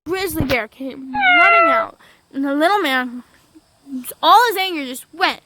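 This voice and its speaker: A woman telling a fairy tale in a lively, unscripted way, with small slips and repetitions. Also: extremely high pitch, a little slow, very noisy. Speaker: storyteller. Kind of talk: casual storytelling.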